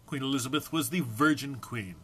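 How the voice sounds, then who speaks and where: A man reads a comic text aloud a little fast, his mid-range voice carrying a sharp tone. The performance is theatrical and emphatic, he's clearly amused and prone to laughing, and there is faint background noise.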